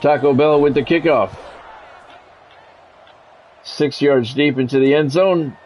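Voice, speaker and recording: A middle-aged man whose voice is a bit high and a touch mellow calls a football video game slowly, like a radio play-by-play man. Clipped phrasing and informal asides fill his commentary, and there's a little hiss or hum on the recording.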